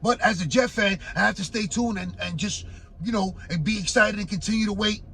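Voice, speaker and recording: Raspy-voiced man hosting sports talk. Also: sits high, fairly quick, sharp tone, slight background noise. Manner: laid-back, conversational, frequent fillers like "man" and "right". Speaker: sports talk show host. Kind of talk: casual sports commentary. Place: home in Florida.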